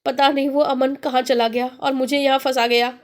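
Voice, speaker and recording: A terrified young tenant begs to be taken away from a haunted house, as a woman storyteller puts him on. His pleading climbs high and strained, and the voice sits well up in pitch throughout. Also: flat delivery, normal speed, close to an everyday voice. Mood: panicked. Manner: panicked pleading, voice rising high. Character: frightened young man renting a haunted house.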